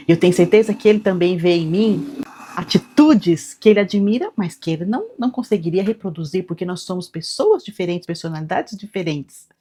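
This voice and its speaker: A woman hosting a talk, speaking calmly and softly, sharing personal reflections with the viewer. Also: medium pitch, breathy edge. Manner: calm, soft-spoken, personal. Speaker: host.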